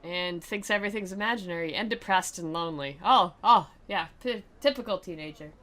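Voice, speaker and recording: Reading a visual novel aloud with dramatic flair, a woman tosses in sarcastic, playful commentary as a game commentator and reader. Her voice sits on the low side, moves a little fast, and has a slight brightness, with faint music in the background.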